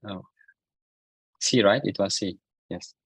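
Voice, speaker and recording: A man taking part in an online workshop, hesitant and searching for words, filling gaps with many pauses. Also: fairly low pitch, a bit bright, breathy edge, no room sound, poor audio. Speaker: workshop participant. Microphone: video call.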